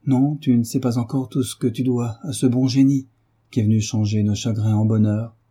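A man reading a novel aloud and voicing a troubled young man, earnest and urgent, in a husky dark voice. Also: medium pitch, fairly even intonation, moderate pace, natural voice.

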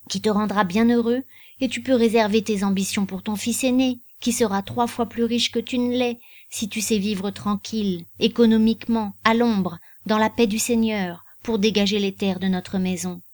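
A woman's voice: fairly high pitch, fairly even intonation, moderate pace, lightly acted. A woman reading the part of a pious, practical old blind aunt in an audiobook. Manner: homely, advising, hushed at times.

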